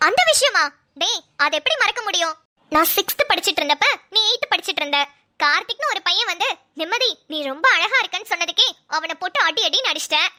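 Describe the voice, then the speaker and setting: A woman voicing a lively young woman who teases her childhood friend in quick banter. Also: very high-pitched, heavily acted. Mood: teasing.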